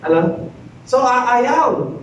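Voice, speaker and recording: High-voiced joking pastor in echoey hall. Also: male voice, slow, muffled recording, slight background noise. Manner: animated, joking storyteller acting out quotes. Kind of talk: sermon storytelling. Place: church hall. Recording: very echoey hall, distant mic.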